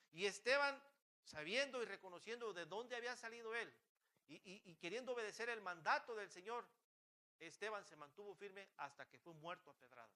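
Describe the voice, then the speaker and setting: A man preaches in a church, his voice high and bright with a forceful edge. He presses his listeners with fervent rhetorical questions and keeps stumbling and restarting his phrases. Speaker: pastor. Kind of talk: sermon.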